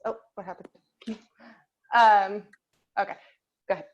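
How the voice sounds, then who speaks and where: Over dull, lo-fi video call audio, a young woman teaches an online singing class to children, chatty and encouraging with many fillers. Her mid-range voice is unhurried, with little pitch movement, and there is slight background noise.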